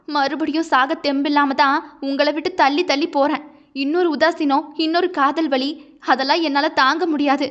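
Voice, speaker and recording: A woman's voice: high-pitched, dull audio, lightly acted. A woman voicing a grieving young wife, impassioned and pleading through tears.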